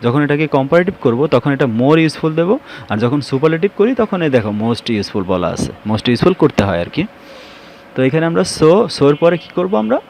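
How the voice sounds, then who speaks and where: A man's voice: fairly high pitch, big pitch swings, normal speed, a little mellow, slight background noise. A man teaching an English grammar lesson, explaining step by step and answering his own questions.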